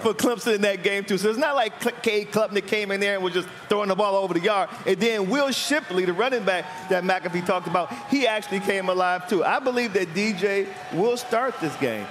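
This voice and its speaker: A man's voice: high voice, fairly quick, hardly any pauses, a bit bright, faint music behind. A middle-aged man giving conversational, emphatic football commentary on live TV. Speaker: football analyst. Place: outdoor broadcast desk.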